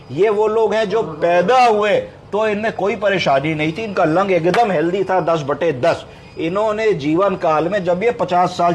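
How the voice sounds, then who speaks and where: Male doctor, higher-pitched voice, patient teaching lecture style, faint background hiss. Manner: explains step by step, asks and answers his own questions; mixes English medical terms into Hindi. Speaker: doctor teaching clinical medicine. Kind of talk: explanatory medical lecture.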